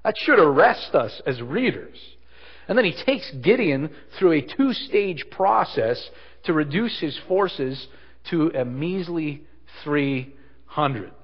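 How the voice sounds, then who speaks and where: A man's voice: a little high, animated, slow pace. A man preaching a sermon as pastor, his voice ringing with big hall echo in a large room. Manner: earnest preaching with strong stresses and drops. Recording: echoey hall, slightly dull sound.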